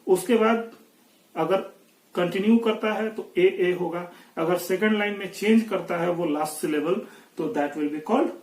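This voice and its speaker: A man with an Indian accent teaching poetry, explaining slowly and carefully in a lesson. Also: sits high, darkish tone, echoey room, recorded from a distance, poor audio. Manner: slow explanatory, reads verse aloud slowly. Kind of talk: Hindi-English poetry lesson.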